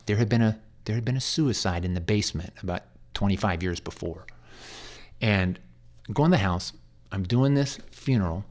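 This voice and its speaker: Rambling chaplain with a lowish voice. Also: male voice. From United States. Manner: rambling storyteller with repeated words and acted quotes; earnest and pastoral. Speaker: hospice chaplain. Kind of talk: storytelling in a faith interview.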